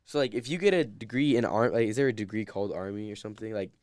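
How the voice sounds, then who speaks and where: A man's voice: fairly low pitch, darkish tone, a little hiss or hum. A teenage boy hosting a school podcast, asking questions casually and joking around. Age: teens. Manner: joking, quick questions, laughs often. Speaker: student podcast host. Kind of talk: casual interview.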